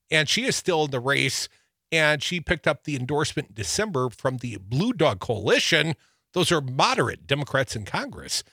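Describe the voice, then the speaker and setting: A man's voice: fairly high pitch, sharp tone, no echo, clean studio sound. A man from Wisconsin co-hosting a political talk show, reading news items aloud with wry, joking asides. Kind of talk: casual political banter.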